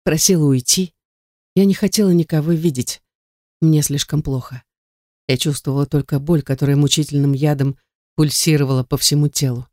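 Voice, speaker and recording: A woman's voice: sits low, fairly even intonation, normal speed, mellow, dry recording, clean studio sound. A woman narrating a first-person romance novel with emotional, dramatic delivery. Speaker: audiobook narrator.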